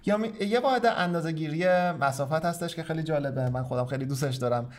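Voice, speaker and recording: A man teaching English directions in a bilingual lesson, explaining step by step and saying the English phrases slowly and carefully. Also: fairly high pitch.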